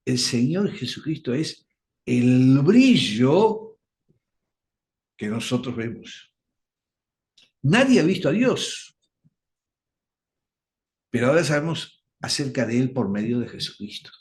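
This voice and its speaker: A man leads a radio Bible study. He talks slowly and deliberately, his pitch swinging widely as he leans on the key words. He sounds like a patient teacher explaining point by point. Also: very animated, a little mellow.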